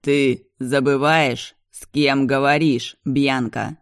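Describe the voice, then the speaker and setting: A man's voice: mid-range voice, steady tone, normal speed, a little mellow, no echo, studio quality, lightly acted. A reader voicing a cold, menacing powerful man who answers curtly in an audiobook. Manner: icy, curt, venomous. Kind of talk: audiobook dialogue.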